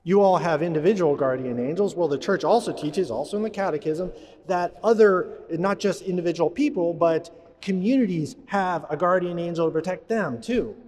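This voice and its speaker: A man's voice: high-pitched, moderate pace, darkish tone. A man, a priest, giving a homily in a conversational way, often asking the congregation questions. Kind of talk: sermon. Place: church. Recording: long church reverb.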